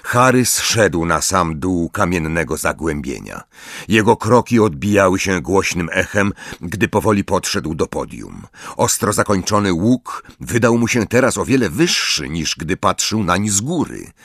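A man narrating a fantasy audiobook in an expressive, dramatic manner. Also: low voice, unhurried, no room sound, clean studio sound.

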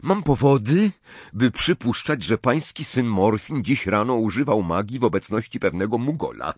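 A man's voice: medium pitch, expressive, moderate pace, husky, no room sound. A man voicing a stern, formal ministry official who speaks firmly. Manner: firm, formal, insistent.

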